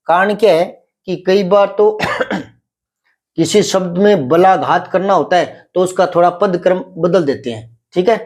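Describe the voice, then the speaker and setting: A middle-aged man teaching Hindi grammar, explaining patiently, repeating example sentences slowly and quizzing a pupil. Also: sits high, darkish tone. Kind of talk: classroom grammar lesson.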